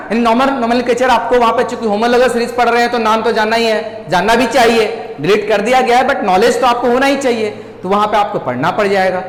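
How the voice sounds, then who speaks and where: A man's voice: very high-pitched, fairly bright tone. A man, a teacher walking students through a syllabus lesson and often checking in with them. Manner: addresses students as children, repeats checks like "okay children". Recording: echoey room.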